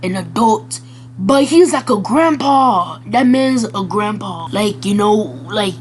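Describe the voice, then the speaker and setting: A woman's voice: medium pitch, animated, slow, slight background noise. A woman hosting a reaction video in casual, blunt and crude commentary, rambling with lots of fillers.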